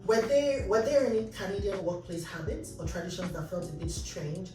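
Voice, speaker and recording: A woman's voice: medium pitch, moderate pace. A woman from Nigeria, hosting a casual panel chat and acting out quoted dialogue as she tells stories. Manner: storytelling, acts out quoted dialogue. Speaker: host. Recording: roomy echo, distant mic, music behind.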